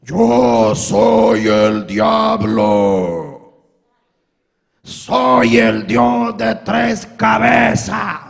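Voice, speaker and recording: A man preaching puts on the slow, drawn-out, sepulchral voice of a menacing male devil caller. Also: sits high, huge pitch swings, gravelly, heavily acted.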